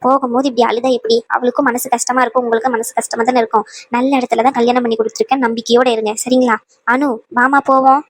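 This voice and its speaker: A woman playing a sharp-tongued but kind cartoon grandmother who lectures the young and soothes the worried. The voice sits high and is recorded dry and close. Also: little pitch movement, fast talker, dry recording, close to an everyday voice. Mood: reassuring. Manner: scolding yet soothing, full of advice. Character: wise, scolding old grandmother. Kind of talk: cartoon voice acting.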